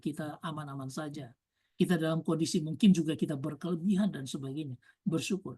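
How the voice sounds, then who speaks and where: A woman's voice: on the low side, warm tone. A woman preacher telling a testimony in a sermon, building emphasis and using repeated lists.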